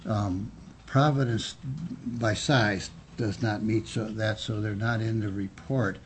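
A man giving formal legislative testimony in a measured, politician-like official manner, halting with frequent pauses. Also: lowish voice, steady tone. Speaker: physician and state health official testifying. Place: indoor legislative committee room. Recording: noisy public hearing room audio.

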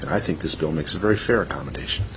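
A man's voice: extremely low pitch, lively intonation, racing, noisy background. A man chairing a legislative committee hearing, speaking plainly with frequent ums.

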